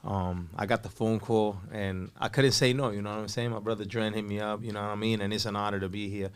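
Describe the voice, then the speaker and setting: A Puerto Rican radio DJ in his forties who grew up in Brooklyn tells his story as a podcast guest in a casual interview. He's laid-back, laughs easily and says "you know" a lot. His lowish voice is smooth and steady, and he talks fast.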